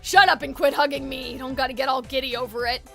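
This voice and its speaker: Woman voicing a curt, grumpy teenage boy, lowered voice. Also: steady tone, quick pace, gravelly, a bit bright, soft background music. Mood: grumpy, dry.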